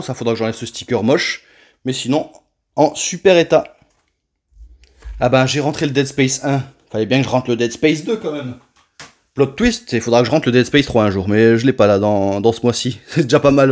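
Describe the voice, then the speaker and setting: A man's voice: medium pitch, darkish tone. A man casually presenting his new retro video game purchases, talking loosely with many fillers and restarts. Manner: chatty, many fillers and self-corrections. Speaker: retro game collector, channel host. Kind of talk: casual collection showcase vlog.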